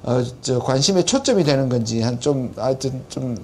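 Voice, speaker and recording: A man's voice: medium pitch, lively intonation, moderate pace, slight background noise. A man, a professor giving a conversational on-site report and commentary in an explanatory, lightly self-mocking way. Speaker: professor acting as field correspondent.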